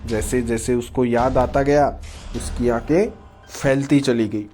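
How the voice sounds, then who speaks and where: A man narrating a scripted horror story in a steady storytelling manner. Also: mid-range voice, measured pace. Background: faint music.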